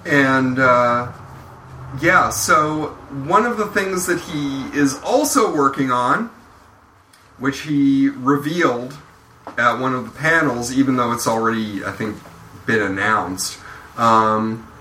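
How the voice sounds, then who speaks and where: A man's voice: mid-range voice, slow pace, pushed and bright. A man chatting casually as a podcast co-host, rambling with many ums and uhs. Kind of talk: casual group chat. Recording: roomy, somewhat distant mic, faint noise.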